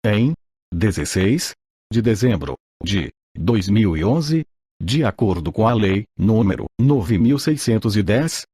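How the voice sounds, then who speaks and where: Audiobook narrator: synthetic man's voice in old text-to-speech style, impersonal, husky, recorded very dry. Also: lowish voice, lively intonation, slow, mellow, no echo. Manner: mechanical, impersonal reading. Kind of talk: scripted audiobook narration, read aloud.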